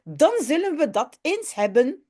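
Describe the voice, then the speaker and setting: A woman voicing a patient mother in a children's storybook, explaining things gently. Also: high-pitched, very animated, measured pace.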